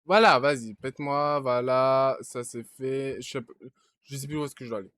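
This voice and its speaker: Streaming a game, this young man keeps up a casual running commentary to himself, breaking into panicked yelps and shouts and swearing along the way. His voice is medium-pitched and moderately paced, recorded with no room sound.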